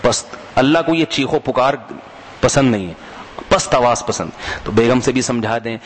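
A man's voice: medium pitch, normal speed, long reverb tail, slight background noise. A man giving a sermon in a conversational way, telling humorous anecdotes and often asking his audience to answer back. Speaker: religious preacher.

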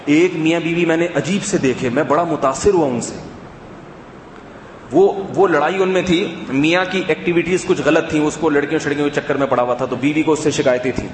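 A man giving a sermon to a live audience, chatting with the crowd, asking them rhetorical questions and dropping to a soft hush to make a point. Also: a little high, a little hiss or hum. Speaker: preacher and counselor. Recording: echoey hall with faint ambience.

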